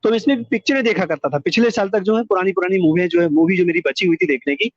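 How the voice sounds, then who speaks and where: A middle-aged call-in guest shares his life story over the phone, earnest and long-winded, doubling up words to stress them. He's a fast talker with a high voice and no echo, captured in a dull lo-fi call recording.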